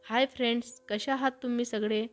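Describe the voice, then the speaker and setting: A woman's voice: a little high, steady tone, brisk, faint music behind, lightly acted. A woman voicing a young college student in a storybook tale, with a teasing, slightly pouty delivery. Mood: cheerful.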